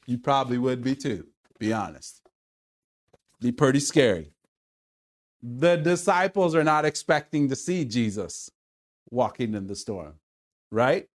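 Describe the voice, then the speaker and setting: Earnest, slow-preaching man. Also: mid-range voice, big pitch swings. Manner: earnest, conversational preaching with sudden loud calls. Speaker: pastor. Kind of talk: sermon.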